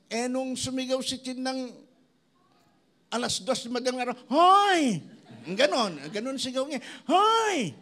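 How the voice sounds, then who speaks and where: A man pastor preaching a sermon, mixing English into his talk and acting out the voices of people he quotes, with big swings between loud and soft. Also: high voice. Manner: preaching in Tagalog mixed with English, lively swings in loudness; acts out quoted voices of others. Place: church.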